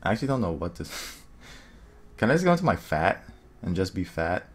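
A young man casually commentating his own online game, thinking aloud and muttering quick asides to himself. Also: deep voice, big pitch swings. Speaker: gaming video creator. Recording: faint music underneath.

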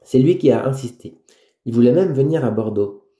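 A man's voice: mid-range voice, animated, moderate pace, mellow, close to an everyday voice. A man voicing an embarrassed young woman breaking news to her friend. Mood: hesitant. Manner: hesitant, embarrassed. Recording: roomy echo.

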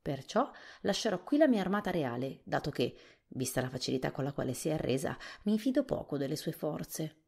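A woman reading a storybook softly, voicing a thoughtful, worried male scarecrow king. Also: deep voice, big pitch swings, a little fast, creaky, hardly any pauses, slightly rough, exaggerated voice.

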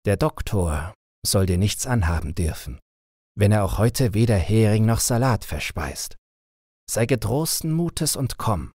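A man voicing a kindly, calm adult soldier in a storybook reading, speaking in a reassuring way. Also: fairly low pitch, unhurried, dry recording, studio quality.

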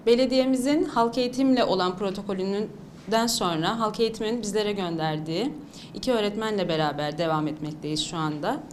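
A woman's voice: mid-range voice, slight background noise. A woman official giving a formal interview statement in official phrasing. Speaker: municipal centre official.

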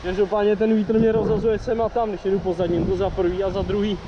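A young man chatting casually while riding a motorcycle, swearing and excitable, recorded on a helmet camera mic outdoors. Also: high-pitched, highs cut off, a crowd in the background. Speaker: motovlogger. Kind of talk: casual helmet-cam commentary. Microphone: helmet-mounted camera mic. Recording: loud wind noise on helmet mic. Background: wind and motorcycle engine.

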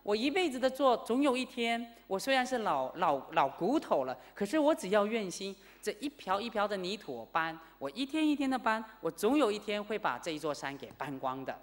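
A woman's voice: mid-range voice, big pitch swings, fairly quick, hardly any pauses, voice pushed up, natural voice. A woman playing a stubborn old laborer. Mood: insistent. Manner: stubborn, insistent. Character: determined elderly man at hard labor.

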